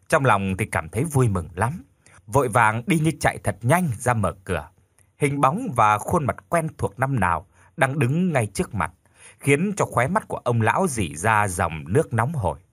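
A man narrating a scripted ghost story in a dramatic, expressive way. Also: medium pitch, moderate pace, breathy edge, dry recording, studio quality.

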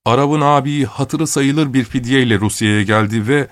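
A man voicing a cautious, dutiful noble father who speaks in a measured, hesitant way in an audiobook. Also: medium pitch, no room sound, clean studio sound, voice pushed up, natural voice. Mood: explaining.

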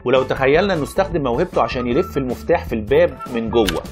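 A man's voice: mid-range voice, lively intonation, very fast, music in the background, natural voice. An actor playing a wry, reluctant, learned Egyptian man who argues, explains and narrates in a radio play. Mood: explaining.

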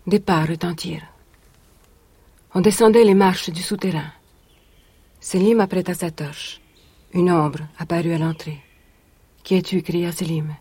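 An actress in a 1980s radio drama playing a young woman who was once a captive, telling her story in a measured, solemn way. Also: lowish voice, darkish tone, husky, no room sound. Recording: vintage radio recording.

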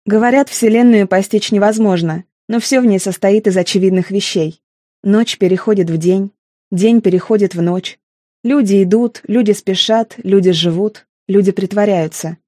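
A woman's voice: mid-range voice, moderate pace, dark tone, dry recording, clean studio sound. A woman narrating a first-person audiobook in an intimate, emotional manner.

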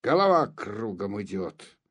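A man doing a furious old count shouting. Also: lowish voice, sing-song, unhurried, highs cut off. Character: old count, hot-tempered and harried.

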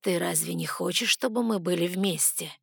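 A woman voicing a father who coaxes gently and then turns cold. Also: lowish voice, vocal fry, slightly rough, no room sound, clean studio sound, heavily acted. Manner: slow, soft, coaxing.

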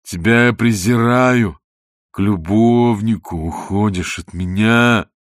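A man voicing a pompous, self-pitying middle-aged husband who whines in a slow theatrical drawl. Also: lowish voice, slightly rough, no room sound, studio quality. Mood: whining drawl.

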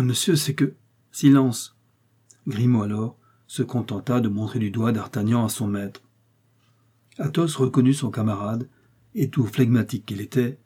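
A man narrating a classic novel as an audiobook, in a measured, steady reading. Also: medium pitch, husky.

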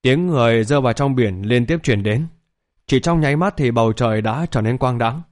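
A man reading a fantasy novel aloud as an audiobook narrator, in a steady, even pace. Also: mid-range voice, a little fast. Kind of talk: scripted story narration.

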